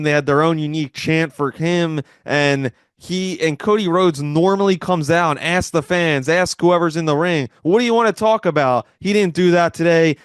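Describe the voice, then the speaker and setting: A man giving reaction commentary as a recap, halting at times and restarting his words. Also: fairly high pitch, clean tone, no echo, clean studio sound. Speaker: wrestling commentator.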